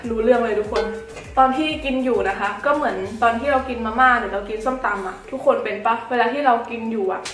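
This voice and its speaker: A woman's voice: fairly high pitch, fast talker, fairly bright tone, soft background music. A woman hosting a food vlog, chatting casually and often checking in with her viewers. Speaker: host of a food challenge vlog. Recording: roomy echo.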